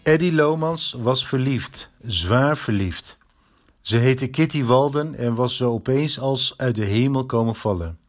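Male storybook narrator, steady measured delivery, mid pitch. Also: soft background music. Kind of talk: storybook reading.

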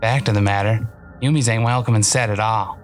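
A man's voice: fairly low pitch, steady tone, brisk, slight background noise, lightly acted. A man voicing a sly, menacing male weasel-like creature with a slangy, threatening drawl in an audiobook. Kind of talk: audiobook narration.

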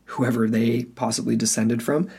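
A man's voice: medium pitch, fairly even intonation, normal speed, vocal fry, dark tone, breathy edge. A man co-hosting a podcast, rambling through the topic and teasing his co-host in casual chat.

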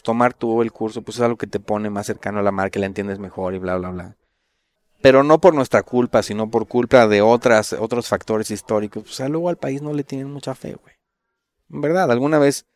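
A man's voice: lowish voice, dry recording. Slangy Mexican man telling a story. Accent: Mexican Spanish. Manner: slangy, swears freely, animated when quoting others. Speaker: interview guest, designer. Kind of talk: casual storytelling interview.

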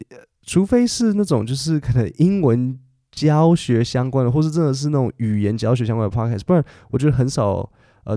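A man's voice: medium pitch, mellow, no room sound, studio quality. A middle-aged man, hosting a podcast English lesson and explaining patiently with fillers and self-corrections. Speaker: English teacher and podcast host.

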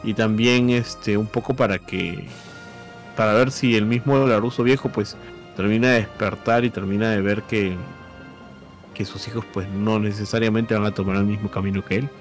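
A man's voice: lowish voice, fairly even intonation, moderate pace, faint music behind. A man in a casual chat who talks in a hesitant way, with many fillers.

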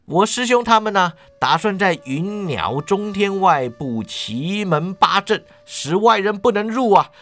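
A man's voice: high voice, animated, a bit bright, faint music behind, exaggerated voice. A man storytelling a wuxia tale, voicing a cowardly, fawning male fake immortal who whines and pleads. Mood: relieved chatter. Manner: whining, pleading, drawn-out.

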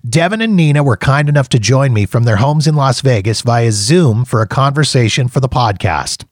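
A man's voice: medium pitch, expressive, normal speed, no echo. Podcast host man with a dry close sound. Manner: rambling questions full of restarts. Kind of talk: interview over video call.

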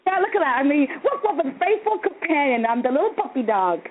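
A woman's voice: sits high, very animated, fairly quick, crowd noise. A woman co-hosting a podcast, bantering casually and butting in to challenge what is said. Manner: challenging, interrupting. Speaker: podcast co-host. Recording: dull lo-fi line with faint noise.

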